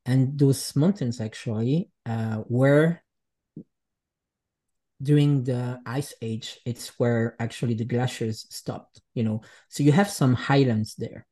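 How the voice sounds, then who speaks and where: A man from Switzerland, a guest artist talking reflectively in a casual conversation and often pausing to search for words. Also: medium pitch, dark tone. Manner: reflective, searching for words, speaks English as a second language.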